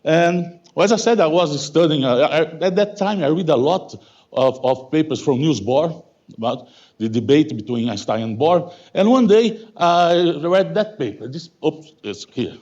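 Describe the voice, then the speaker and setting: Speaking as a guest lecturer in a lecture hall, this Brazilian man in his fifties, whose first language is Portuguese, gives a stop-and-start academic talk peppered with "okay?" and self-corrections in a Brazilian Portuguese accent. The voice is slightly high and animated with a darkish tone, and the recording's highs are cut off.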